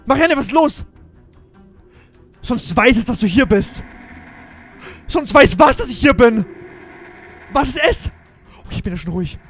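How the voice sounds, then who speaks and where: A man's voice: very high-pitched, expressive, measured pace, pauses often, soft background music. A man giving jumpy, exclaiming commentary on a Minecraft role-play adventure, talking straight to his viewers. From Germany. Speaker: gaming YouTuber.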